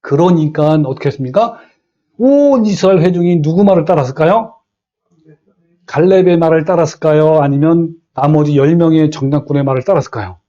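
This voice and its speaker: A middle-aged man preaching a sermon as a pastor, animated, acting out quoted speech and putting questions to the congregation. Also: a little high, fairly quick, highs cut off.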